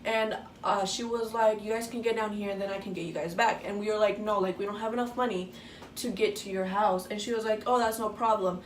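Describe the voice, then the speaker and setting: A teenage girl vlogger tells a story casually in a mid-range, steady voice, talking a little fast. She swears freely and acts out what people said. The recording sounds echoey, with a distant mic and faint noise.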